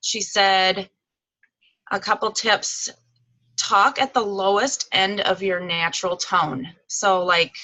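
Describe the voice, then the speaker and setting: A woman's voice: medium pitch, fairly even intonation, takes it slowly, sharp tone, no room sound, low-quality recording. A woman giving a chatty, casual recap on a video call, with plenty of "um" and "like" fillers. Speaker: guest speaker. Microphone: video call microphone.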